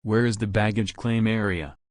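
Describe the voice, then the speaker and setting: A man reading short travel phrases slowly and clearly for learners, in a careful, steady delivery. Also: on the low side, no room sound, studio quality. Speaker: phrase reader.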